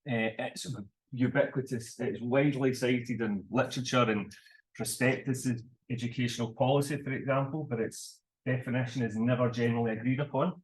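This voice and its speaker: A man presenting his research at a conference, deliberate and self-correcting as he speaks. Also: medium pitch, fairly even intonation, poor audio. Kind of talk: academic conference talk. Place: conference room.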